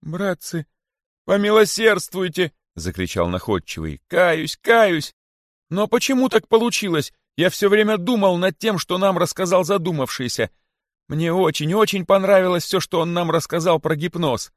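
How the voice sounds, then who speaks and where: A frightened, squeaky rabbit, as a male narrator puts him on pleads in a thin, high voice. The sound is dry and close. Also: expressive, normal speed, no room sound. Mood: pleading. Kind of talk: audiobook character voice.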